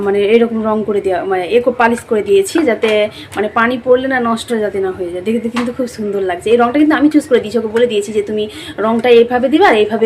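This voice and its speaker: Chatty middle-aged woman, quick and high. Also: darkish tone, slight background noise, rough recording. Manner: chatty, complaining, frequent self-corrections. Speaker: cooking vlogger. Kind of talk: casual home vlog narration. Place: at home, kitchen and rooms.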